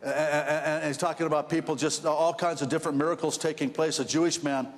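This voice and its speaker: A fairly high-voiced man preaches a sermon, telling stories that build in excitement while he stumbles and repeats words. His voice rings with the long reverb of a church hall. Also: fairly quick. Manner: rambling, repeats words, storytelling with rising excitement. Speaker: pastor.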